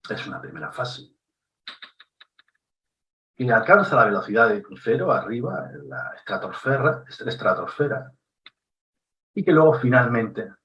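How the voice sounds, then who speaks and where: A man with a Spanish accent from Spain giving an instructive talk on public speaking, deliberate and emphatic, using pauses and shifting intonation for effect. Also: medium pitch, fairly bright tone. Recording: roomy echo, somewhat distant mic.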